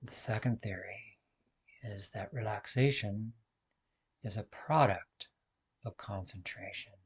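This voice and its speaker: Husky and lowish, a man's voice leads a guided meditation. He speaks as a teacher would, calmly and deliberately, pacing his measured phrases with long pauses.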